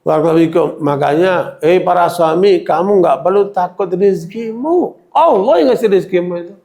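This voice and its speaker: A man's voice: high-pitched, brisk, gravelly, darkish tone. A man giving a religious lecture to women, talking colloquially and often checking in with the audience. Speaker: Islamic preacher.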